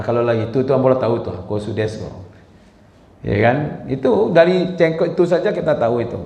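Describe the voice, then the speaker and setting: A man giving an informal Quran lesson, talking conversationally, checking in with listeners and chanting short verses as examples. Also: medium pitch. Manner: conversational, asks the audience "ya kan?" often. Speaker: Quran study teacher. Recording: roomy hall echo.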